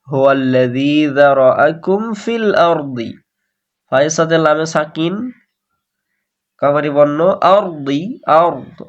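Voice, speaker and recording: A man teaching Quran recitation, slowly reciting verses and explaining pronunciation rules. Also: a little high, highs cut off. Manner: slow melodic Arabic recitation between explanations. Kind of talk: slow tajweed lesson, reciting verses then explaining.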